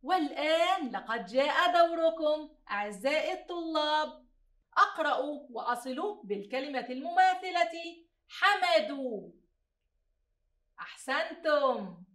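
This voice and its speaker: A woman teacher giving a slow phonics lesson to young pupils, stretching out each sound and praising them often. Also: high-pitched, fairly bright tone, far from the mic. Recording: echoey room, voice a bit off-mic.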